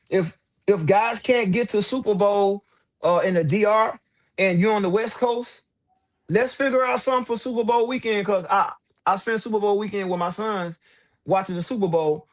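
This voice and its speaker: High-voiced man on livestream headset audio. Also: moderate pace. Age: adult with several children. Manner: loose, slangy, fired-up street talk. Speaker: livestream host. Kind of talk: casual livestream talk.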